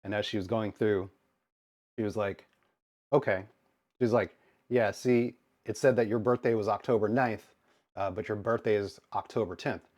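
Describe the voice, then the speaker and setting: An American man streamer telling a story to his chat in an animated, exasperated way, acting out both sides of the exchange. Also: on the low side, normal speed, long pauses. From United States. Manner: animated, exasperated retelling with quoted dialogue.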